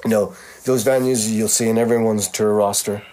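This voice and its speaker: A middle-aged touring musician in casual chat, swearing freely and acting out quoted lines in a raised voice. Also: male voice, on the low side, fairly even intonation, moderate pace, dark tone. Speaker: touring musician, podcast host.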